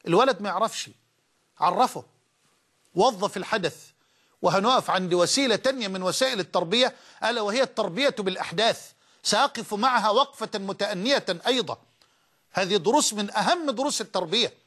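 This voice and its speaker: A man preaching with a marked Egyptian Arabic accent and a high-pitched voice. He presses his listeners with rhetorical questions and drives each point home by repeating it with fervor. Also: quick pace, a bit bright. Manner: impassioned, with rhetorical questions and emphatic repetition. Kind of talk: sermon.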